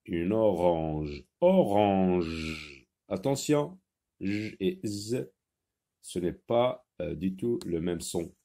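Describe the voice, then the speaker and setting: Slow, lively-voiced male phonics teacher. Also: vocal fry. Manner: slow, carefully over-articulated words, lively rising and falling pitch. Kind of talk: phonics lesson for young children.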